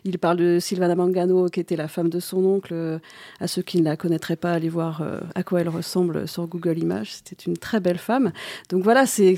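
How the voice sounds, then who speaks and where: Chatty woman reporter with a mellow, dry voice. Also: lowish voice, no room sound. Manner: lively storyteller, many fillers. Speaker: senior reporter, Italy specialist. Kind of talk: casual discussion.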